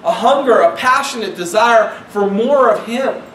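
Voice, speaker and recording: A male pastor with a high voice preaches in a casual, conversational way, repeating himself and putting questions to the congregation. He sounds like he is picked up from some distance, with the echo of a church room and a faint hiss behind him. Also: moderate pace, a bit bright. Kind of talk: sermon. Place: church sanctuary.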